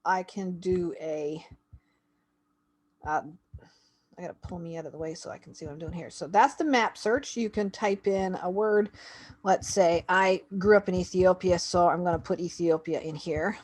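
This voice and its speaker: Clicking through a homeschool website on a screen share, a woman from Canada offers a relaxed review, musing aloud along the way. Her voice sits on the low side, and she keeps a moderate pace.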